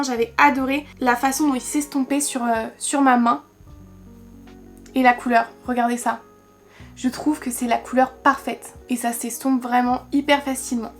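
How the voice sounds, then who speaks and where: A young woman from France reviewing makeup in a chatty, enthusiastic vlog, talking straight to her viewers. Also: high voice. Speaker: beauty vlogger.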